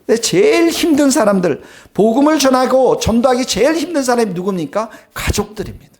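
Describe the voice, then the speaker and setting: A man's voice: very high-pitched, sing-song, a little fast, darkish tone. A male pastor delivering a sermon, speaking emphatically and turning often to address the congregation, with plain personal stories mixed in. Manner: tells personal anecdotes in a plain conversational tone.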